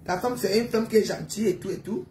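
A woman's voice: mid-range voice, quick pace, a little mellow, echoey room, a little hiss or hum. A woman, a widow, ranting emphatically about her neighbors from her home, repeating herself and throwing in tag questions. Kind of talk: emotional monologue. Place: at home in an apartment building.

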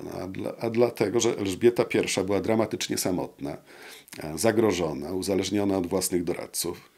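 A man in his sixties, an interview guest, explaining history at a measured pace with many hesitant fillers, recorded on a lapel mic in a studio room. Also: low-pitched, darkish tone. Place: wood-panelled studio room with brick wall.

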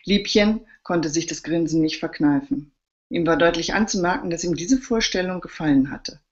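A woman, the author, reading her crime novel aloud live in a steady narrating voice. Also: on the low side, normal speed, lo-fi sound.

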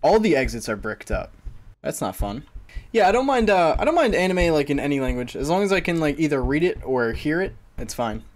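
Very animated and brisk, with a fairly high voice, a man in his twenties streams a horror game from a small indoor room, chatting with viewers and cracking wry, casual jokes over the game music.

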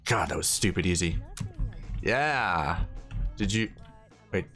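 Bright-voiced joking young gamer. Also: male voice, low voice, lively intonation, slow pace, roomy sound, soft background music. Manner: joking, swearing, mock-bro banter. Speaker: gaming channel host. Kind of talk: let's-play commentary.

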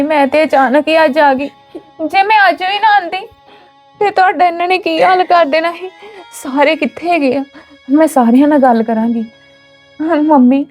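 A woman playing a fierce, scolding Punjabi daughter. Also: very high voice. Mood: distressed. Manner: scolding, emphatic. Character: angry devoted daughter defending her mother. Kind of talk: Punjabi family drama acting.

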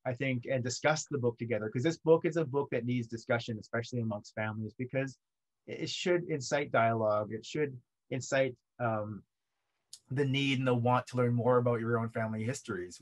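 A man in his thirties co-hosting a book talk over a video call, lively and thankful, with frequent ums, from a home studio. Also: medium pitch, low-quality recording. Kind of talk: casual video call chat. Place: home studio with art banner behind. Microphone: video call webcam.

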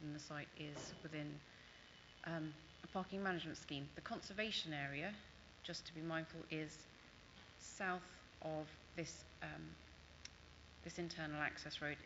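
Low-voiced woman presenting, muffled noisy recording. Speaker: planning officer presenting. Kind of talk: formal presentation of plans. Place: large council chamber. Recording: muffled chamber audio with clear background noise.

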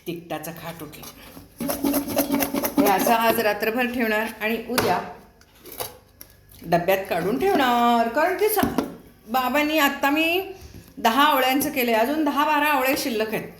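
Middle-aged woman vlogger, higher voice, chatty and teasing, home-kitchen cooking talk. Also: animated, unhurried, long pauses, noisy background. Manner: chatty, teasing her viewers. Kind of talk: casual chat while cooking. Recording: echoey kitchen with dish clatter.

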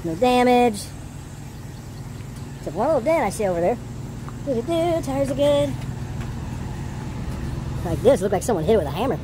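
A man's voice: very high voice, sing-song, moderate pace, pauses often. A man in his forties, a truck driver vlogging casually, chatting to himself while he checks over his rig, first outdoors at a truck yard, then inside his cab. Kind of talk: casual vlog commentary. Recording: outdoor vehicle noise behind.

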